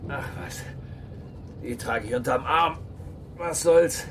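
Murmelnden Reisenden im Hörspiel, mittlere Stimmlage. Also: male voice, mid-range voice, slow pace, noisy background. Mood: muttering. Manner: muttering to himself. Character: fussy male theatre traveller, talking to himself.

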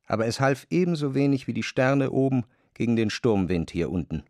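A man narrating a literary radio drama in a measured storytelling voice. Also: medium pitch, animated, darkish tone, dry recording, clean studio sound.

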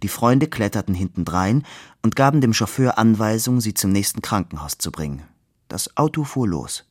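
A man reading a novel aloud in a measured, expressive way. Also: fairly low pitch, dry recording, clean studio sound. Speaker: reader. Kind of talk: literary reading.

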